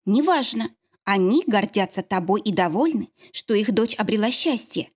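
A woman's voice: mid-range voice, lively intonation, moderate pace, close to an everyday voice. Woman doing a caring young mother. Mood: reassuring. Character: caring young mother and priestess, warm friend.

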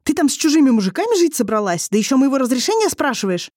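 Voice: sits high, sing-song, fast talker, darkish tone, no echo, voice pushed up. Reader playing an angry proud husband, snapping, growling, indignant, raised voice, dry sound, audiobook. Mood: sarcastic angry. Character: angry proud young husband, quick to boil.

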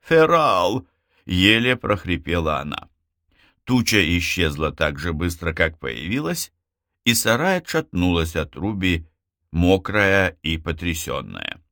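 A man with a deep, low voice narrates an audiobook, recorded close and dry with no room sound. His reading is expressive and often jumps up in pitch to stress a word. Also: measured pace, dry recording.

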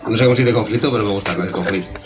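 A man's voice: on the low side, racing, over music. A man who is a longtime regular on a casual podcast, ranting and swearing freely. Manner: profane, ranting.

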